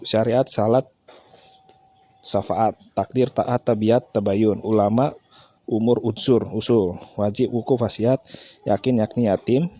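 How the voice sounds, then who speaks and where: Male host, low husky voice, argumentative and explanatory. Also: darkish tone. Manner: argumentative, rhetorical questions. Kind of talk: casual explanatory talk.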